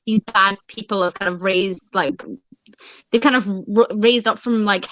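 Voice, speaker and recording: Bright, gushing woman. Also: medium pitch, steady tone, measured pace, no room sound, highs cut off. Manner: gushing, laughs often, swears freely. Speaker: book club host. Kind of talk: casual book chat.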